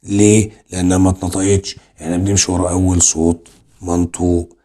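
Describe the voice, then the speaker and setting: A man's voice: deep voice, level tone, fast talker, warm tone. A man with an Egyptian Arabic accent teaching English grammar online, explaining step by step and asking and answering his own questions.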